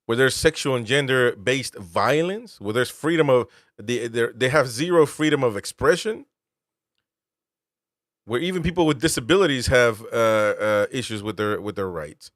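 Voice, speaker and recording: A man's voice: medium pitch, lively intonation, moderate pace, fairly bright tone, no room sound, clean studio sound. A man from Peru, host and military veteran, giving political commentary with emphatic, incredulous rhetorical questions.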